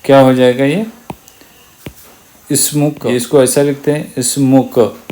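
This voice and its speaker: A man gives an online Arabic lesson at a very unhurried pace. His voice sits at an ordinary middle pitch. He patiently repeats every word and turns to ask the listener to echo it. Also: level tone, warm tone. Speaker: Arabic teacher.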